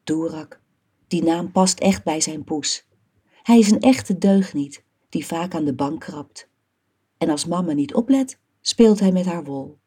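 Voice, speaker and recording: A woman reads a children's story aloud, slowly and evenly, with a dark, mellow tone. Her voice is very breathy and husky, low for a woman. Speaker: narrator. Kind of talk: reading a children's book aloud.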